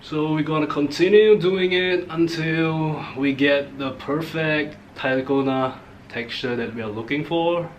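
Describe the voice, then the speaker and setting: A man's voice: a little high, a little slow, highs cut off, a little hiss or hum. A young man chatting casually in a cooking vlog, joking with viewers while he whisks, tired and a little out of breath. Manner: playful, jokey, talks to viewers while whisking. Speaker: vlogger.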